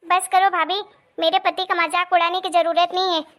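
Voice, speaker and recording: Cartoon sister-in-law, bossy, sharp-tongued, high voice, a woman acting her. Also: fairly even intonation, moderate pace. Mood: angry. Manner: sharp, scolding. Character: bossy, quick-tempered married sister-in-law.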